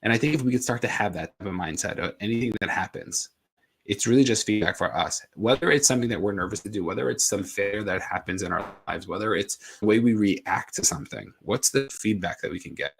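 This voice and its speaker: A man's voice: fairly low pitch, fast talker, creaky, husky. A man giving a casual motivational talk, rambling a little with restarts and filler words. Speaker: motivational speaker.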